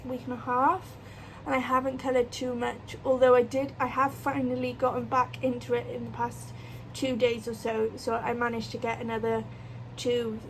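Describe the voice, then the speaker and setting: British woman, casual vlog host, fairly high voice with marked vocal fry, faint fan noise in the background. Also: low-quality recording. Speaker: colouring channel host. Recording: clear fan noise behind voice. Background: electric fan.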